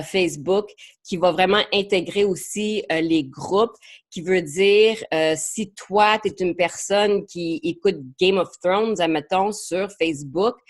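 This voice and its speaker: A marketing coach with a voice on the low side hosts a live online training. Her first language is English and she has an English Canadian accent; she speaks French in a chatty manner, dropping in English words and often hesitating or repeating herself.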